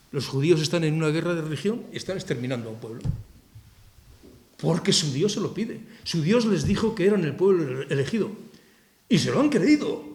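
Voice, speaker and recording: A man's voice: on the high side, a little mellow. A man with a Castilian Spanish accent presenting his book to an audience in a hall, talking in a forthright, sarcastic and impassioned way. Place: cultural society hall with audience. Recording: roomy hall echo.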